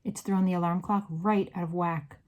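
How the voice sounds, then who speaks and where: A woman voicing a calm, no-nonsense old grandmother who speaks firmly and matter-of-factly. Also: on the low side, moderate pace, muffled recording, close to an everyday voice. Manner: firm and matter-of-fact.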